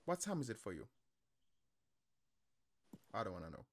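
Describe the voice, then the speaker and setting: Joking male streamer, lively voice, music behind. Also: fairly low pitch, normal speed. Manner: joking, trolling banter with strangers. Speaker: streamer doing random video chats. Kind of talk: casual chat.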